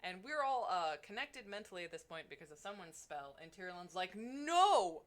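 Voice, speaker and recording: A young woman casually retelling a tabletop game as a player, in a halting, wry, sarcastic way. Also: fairly low pitch, fairly bright tone. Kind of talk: casual storytelling chat.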